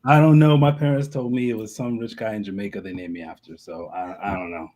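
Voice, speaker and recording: A man from Connecticut talks through his story as an interview guest, relaxed and easygoing. His voice sits very low and sounds dark and mellow. He is heard over a video call. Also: fast, highs cut off, slight background noise. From Connecticut, USA. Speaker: guest, brewer. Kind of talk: casual interview.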